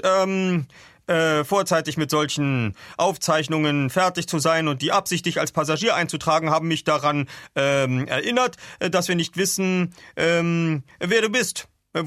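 A man's voice: a little high, a bit bright, no room sound, studio quality, pitched above the performer's own voice, lightly acted. A man reading aloud and voicing a formal, stately male ship's captain.

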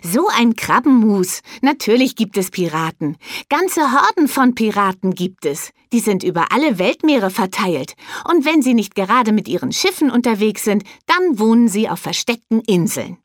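A woman's voice: medium pitch, sing-song, normal speed, dry recording, clean studio sound, voice pushed up, lightly acted. A woman voicing a bold, cheeky young girl pirate captain in a brash, indignant manner.

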